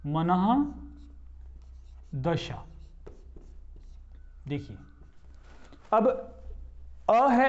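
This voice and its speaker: A man's voice: sits high, a little mellow, dull audio. A man teaching a grammar lesson, explaining step by step, asking his own questions and answering them, and spelling out words syllable by syllable. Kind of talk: classroom-style grammar lesson.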